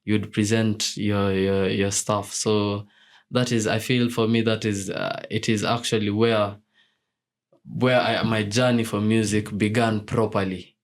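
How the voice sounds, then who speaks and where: A man's voice: lowish voice, flat delivery, unhurried. A young man from Kenya answering radio interview questions about his music, with many fillers and restarts. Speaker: musician guest.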